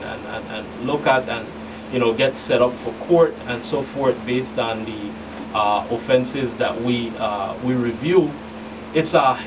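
A middle-aged federal investigator, appearing as a guest on a radio show, answers interview questions haltingly and repeats words. His voice is mid-range. He's in a small radio studio with a studio mic on a boom arm, but the mic sounds distant and there's clearly noisy room hum.

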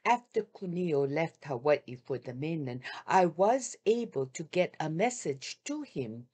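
An older woman reads a personal wartime account aloud over a webcam from a home room. Her voice sits low but moves with lively swings of pitch. She speaks slowly and with feeling, leaving long pauses. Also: husky. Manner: measured, heartfelt reading with drawn-out pauses. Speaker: reader of wartime memoirs. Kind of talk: reading a first-person memoir aloud. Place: home room with shoji screens. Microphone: video call webcam.

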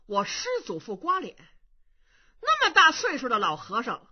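A woman storyteller voicing a sharp-tongued, suspicious young male monk who shouts accusations. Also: a little high, huge pitch swings, normal speed, husky, exaggerated voice. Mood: accusing. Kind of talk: traditional Chinese storytelling. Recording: dull lo-fi recording.

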